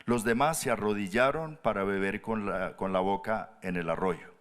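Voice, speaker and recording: A pastor preaching a sermon, animated, jumping up high for emphasis and dropping to soft low tones. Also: male voice, moderate pace. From Colombia.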